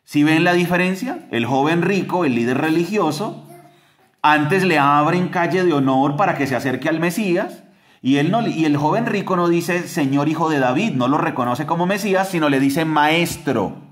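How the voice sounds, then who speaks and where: A man with a slightly high voice gives a lively Bible teaching on a podcast. He moves his pitch up and down a lot and keeps asking listeners rhetorical questions as he explains. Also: moderate pace. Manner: animated, acts out quoted voices with big pitch jumps.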